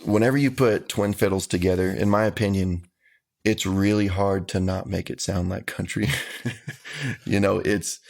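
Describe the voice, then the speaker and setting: A man, a country singer answering interview questions in an earnest, folksy way. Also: low-pitched. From Texas.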